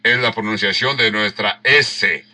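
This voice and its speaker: A man's voice: on the low side, sharp tone. A man, preaching a sermon and teaching verse by verse. He rereads the passage and explains words with emphatic repeats. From Mexico. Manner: unhurried, rereads verses and acts out the quoted lines. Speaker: pastor.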